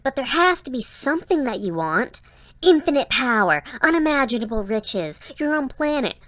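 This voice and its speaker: Robot voice, high-pitched, genie granting wishes, pushy and chummy, voiced by a woman's synthetic voice. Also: very animated, normal speed, fairly bright tone, dry recording.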